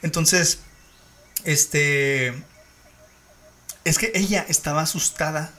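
A man's voice: fairly high pitch, slow pace, pushed and bright. A man hosting a podcast, retelling a story in a casual, dramatic way. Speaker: podcast host.

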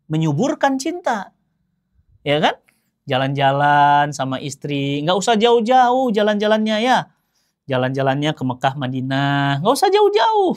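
A man giving a sermon as an Islamic preacher. He speaks in a lively, joking, conversational way, asking rhetorical questions and answering them himself. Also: high voice.

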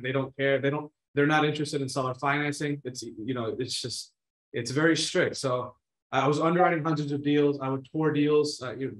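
A man's voice: medium pitch, a bit bright. Young man on a roomy video call. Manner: casual, many restarts and "you know". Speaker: guest, real estate investor. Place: home room, plain wall. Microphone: video call webcam. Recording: roomy echo.

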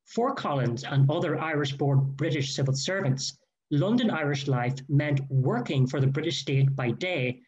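Measured male history lecturer, lo-fi. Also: a little high, darkish tone. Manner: measured, careful delivery with quoted sources. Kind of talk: formal read lecture. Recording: dull lo-fi recording.

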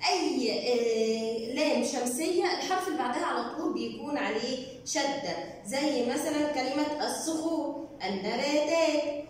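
A woman teacher with an Egyptian Arabic accent, slowly and patiently explaining a primary school lesson. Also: sits high. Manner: slow, patient explaining, drawing out words. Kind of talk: recorded classroom lesson. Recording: echoey room, distant mic, faint noise.

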